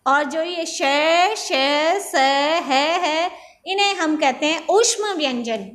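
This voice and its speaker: A woman teaching an online class to young pupils, slow and patient, asking questions and then answering them herself. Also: high voice, lively intonation, fairly bright tone. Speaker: primary school teacher. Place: Nagaur region, India.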